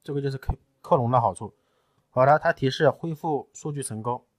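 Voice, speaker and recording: A man in a technical tutorial, explaining each step patiently and often pausing with fillers. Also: mid-range voice, no echo. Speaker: tutorial presenter. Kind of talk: screen-recorded technical tutorial.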